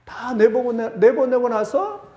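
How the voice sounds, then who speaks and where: A male pastor preaching a sermon, retelling a story with animated emphasis and repeated phrases. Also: very high-pitched, a little slow, echoey room.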